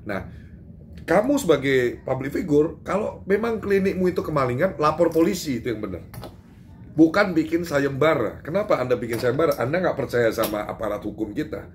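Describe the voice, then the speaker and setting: A man from Indonesia giving an animated, emphatic statement to reporters, full of fillers and restarts. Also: fairly high pitch, fairly quick, a little hiss or hum. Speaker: public figure giving a press statement. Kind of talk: doorstop interview with reporters.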